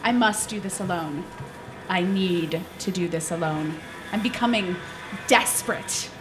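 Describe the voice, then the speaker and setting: In a live stage radio drama, an actress with a fairly low, near-everyday voice plays a flustered, embarrassed middle-aged mother from Iowa who is nervous yet determined. She sounds stern but halting, breaking into nervous laughter, with music playing behind her.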